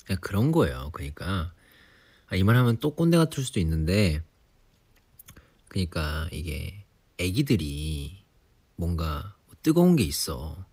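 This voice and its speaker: Low husky young man, sleepy livestream chat. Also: a little slow, long pauses. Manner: relaxed, chatty, teasing himself for nagging like an elder. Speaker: idol livestream host. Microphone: phone or device mic, voice-only live.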